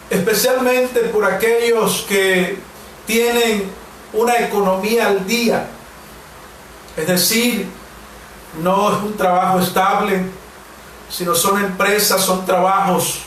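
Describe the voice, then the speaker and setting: A man in his forties from Mexico, a pastor preaching a devotional and then leading prayer, with slow, emphatic repetitions. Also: high voice, a bit bright. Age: 40s. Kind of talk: sermon and prayer. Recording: very echoey room, distant mic, faint hiss.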